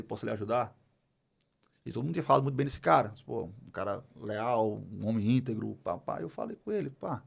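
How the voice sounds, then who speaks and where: A middle-aged Brazilian man telling a personal story as a podcast guest, animated, acting out the dialogue as he goes. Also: mid-range voice, gravelly. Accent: Brazilian Portuguese. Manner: animated, acts out dialogue, many fillers. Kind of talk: storytelling in a casual interview.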